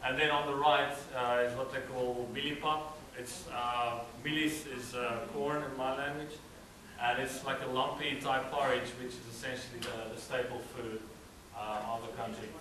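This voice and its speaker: Speaking with a South African accent, this Afrikaans-native student presents slides at a cultural event, relaxed but hesitant and filling gaps with "uh." His pitch is medium and his speed normal. Crowd noise surrounds him, and a far-off mic captures the spacious event hall.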